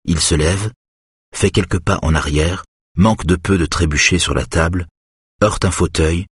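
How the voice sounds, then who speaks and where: A male audiobook narrator with an extremely deep, gravelly-husky voice, reading calmly. The recording is close and bone dry, with no room sound at all. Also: moderate pace, no echo. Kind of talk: scripted narration.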